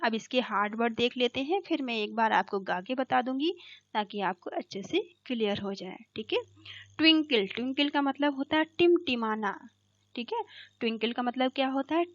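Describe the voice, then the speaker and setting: Her voice a little high, a teacher explains an English poem in Hindi, going line by line, slowly reading the English text and asking "theek hai" after each point. The recording is dull, dry and lo-fi, with no room sound.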